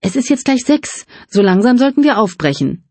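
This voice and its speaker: A woman's voice: fairly high pitch, big pitch swings, normal speed, warm tone, dry recording, pitched above the performer's own voice. Woman doing Luise, an impulsive, outspoken woman. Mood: offhand.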